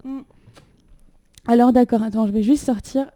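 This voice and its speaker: Her voice is mellow and on the high side, delivered at normal speed with fairly even intonation and no echo. She's a young woman, a poet hosting the reading, who chats casually, reads poetry, laughs a lot, and leans on fillers. A phone propped on a water carafe in a small room captures her.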